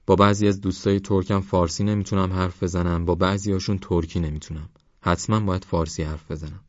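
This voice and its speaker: A man's voice: low voice, fairly even intonation, no room sound, highs cut off, close to an everyday voice. A man doing a mild, easygoing young man.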